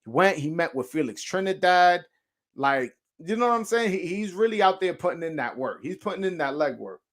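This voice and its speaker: A man with a New York accent speaks a little fast in a high, sing-song, fairly bright voice as he hosts a boxing livestream. Reacting casually to viewer comments, he curses, uses slang and stammers through many restarts.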